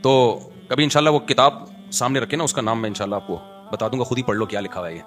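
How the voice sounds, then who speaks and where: A man's voice: medium pitch, a bit bright, faint music behind. A male Islamic scholar giving a conversational religious talk, mixing jokes and everyday examples with recited Arabic verses.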